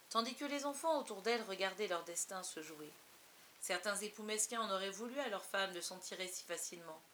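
A woman narrating a story in a wry, gently ironic reading style, over a faint hiss. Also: medium pitch. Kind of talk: audiobook reading.

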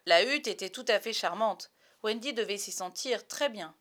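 A woman reading a children's story aloud with a lively, expressive delivery. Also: medium pitch, moderate pace.

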